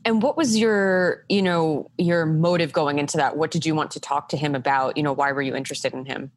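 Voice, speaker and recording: A woman's voice: sits low, brisk, faint music behind. A woman co-hosting a podcast, interviewing a guest in a curious, conversational way with fillers. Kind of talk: casual interview.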